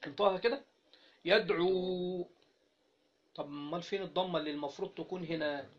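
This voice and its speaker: A man with an Egyptian Arabic accent teaching Arabic grammar in an interactive lesson, prompting students to finish his sentences and drawing out example words slowly. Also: on the high side, fairly even intonation. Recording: dull lo-fi recording.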